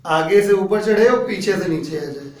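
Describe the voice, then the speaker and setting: A man teaches physics in a classroom and walks through each point step by step, often checking that his students follow. His voice sits high for a man. The room is echoey and he sounds a little away from the mic. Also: normal speed, darkish tone. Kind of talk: classroom lecture. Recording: echoey room, voice a bit distant.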